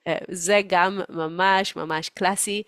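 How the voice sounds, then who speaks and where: A woman's voice: lowish voice, fairly even intonation, fairly bright tone, clean tone. A woman hosting a language-learning podcast. She explains phrases patiently, adds English glosses, and often laughs. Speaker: Hebrew teacher and podcast host.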